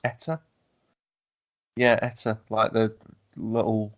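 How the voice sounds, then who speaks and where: A man's voice: fairly low pitch, flat delivery, takes it slowly, dull audio. A man co-hosting a podcast, chatting casually about films with lots of fillers and restarts. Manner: rambling, many fillers and restarts. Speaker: podcast co-host. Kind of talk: casual film chat.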